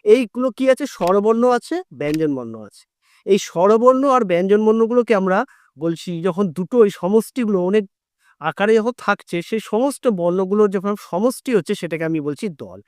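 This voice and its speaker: A man teaching a lesson to students, asking them questions and stretching syllables out slowly to show how they sound. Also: sits high, smooth, dry recording, clean studio sound. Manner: asks questions and drags out syllables to demonstrate.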